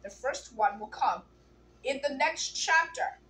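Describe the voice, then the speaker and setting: A woman's voice: high-pitched, lively intonation, a little slow, a bit bright, roomy sound. A woman voicing a weird boy dressed as a werewolf, speaking in a spooky, mysterious way.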